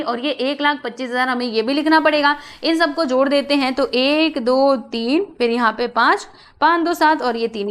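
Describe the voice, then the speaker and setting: High-voiced woman teaching math. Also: fairly bright tone. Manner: chatty, coaxing, asks students questions; mixes English terms into explanations. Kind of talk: online math lesson.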